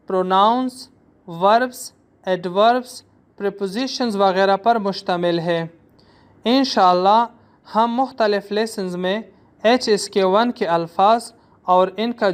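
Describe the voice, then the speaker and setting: A man, teaching a recorded language lesson. He speaks extremely slowly and deliberately, with a smooth, clean voice, and repeats every new word three times for his students. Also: sits high.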